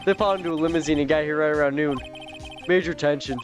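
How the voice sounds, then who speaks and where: A man voicing a laid-back male TV director with a slow, drawling slacker manner. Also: a little high, fairly even intonation, music in the background, close to an everyday voice.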